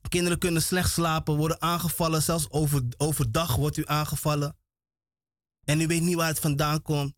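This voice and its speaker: A man gives a radio sermon in a fairly high voice. He talks emphatically and repeats himself, stumbling and restarting words as he goes. The sound is dry and close, with no room around it. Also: flat delivery, a little fast, no echo. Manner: emphatic, repetitive, with frequent restarts. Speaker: radio preacher.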